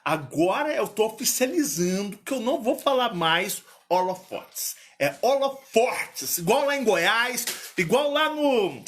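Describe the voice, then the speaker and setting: Mineiro guy chatting on his channel, fairly high voice, super bouncy and animated, keeps restarting. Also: measured pace, few pauses, slight background noise. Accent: Minas Gerais Portuguese. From Minas Gerais, Brazil. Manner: animated, playful, rambling with many restarts. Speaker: channel host. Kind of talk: casual chat.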